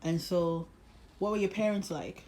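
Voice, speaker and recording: A grandchild interviewing their grandfather, gently prompting with short questions and frequent okays. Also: mid-range voice, normal speed, roomy sound, a little hiss or hum. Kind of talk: casual interview.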